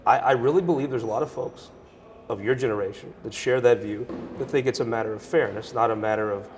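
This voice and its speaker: A man hosts a political talk show, moving quickly between questions and banter with his guests. He talks at a fast clip, and his voice carries a long reverb over a faint hiss. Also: mid-range voice, darkish tone. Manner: quick, conversational, joking with guests. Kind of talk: political interview and panel talk.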